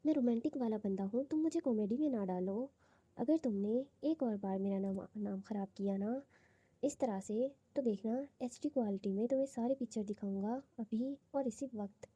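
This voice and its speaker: A woman's voice: a little high, mellow, slightly rough, dry recording, muffled recording. A woman reading as a teasing young husband. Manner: coaxing, playful, lightly reading.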